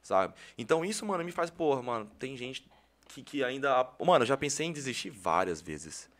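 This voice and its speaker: A young man in his twenties with a Brazilian Portuguese accent, a podcast guest chatting casually, slangy and animated as he tells stories. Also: medium pitch, moderate pace. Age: 20s. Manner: animated storytelling, heavy slang, acts out quoted voices. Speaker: podcast guest, content creator.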